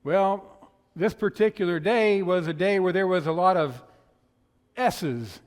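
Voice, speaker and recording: A male pastor from the northern United States preaching a sermon in a quick, conversational storytelling way, with a slight lisp on his s sounds. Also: high-pitched. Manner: fast-talking, conversational storytelling. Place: church sanctuary. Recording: long hall reverb.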